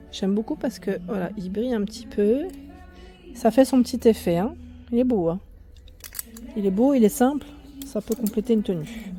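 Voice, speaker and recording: A woman vlogger chatting her way through a clothing store, correcting herself often and speaking up over the store's music. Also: medium pitch. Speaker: fashion vlogger. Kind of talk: casual in-store clothing walkthrough. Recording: faint store music behind. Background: loud in-store music.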